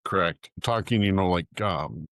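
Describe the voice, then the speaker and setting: Guy guest on a podcast, really low voice, frank and emphatic, keeps agreeing. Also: unhurried, fairly bright tone, no room sound. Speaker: guest author. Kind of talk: conversational interview.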